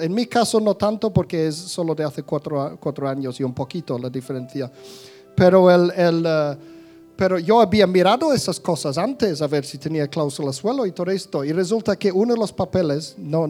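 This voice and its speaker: A man's voice: fairly high pitch, darkish tone. A man giving a casual talk to an audience. He speaks conversationally, with many restarts, and acts out little scenes.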